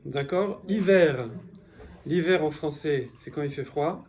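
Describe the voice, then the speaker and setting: Taking things slowly, a man with a somewhat mellow, high-leaning voice teaches Hebrew to beginners in French. He explains patiently, repeats key words, and asks "d'accord?" to confirm students are with him. A little hiss or hum runs under this classroom lesson.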